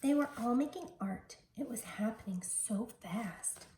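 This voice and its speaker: Female storybook reader: unhurried teacherly delivery, soft-toned, recorded at a distance in a roomy space. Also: a little high, expressive. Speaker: teacher reading a picture book aloud. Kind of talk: slow, expressive children's story read-aloud. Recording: roomy, distant mic with background noise.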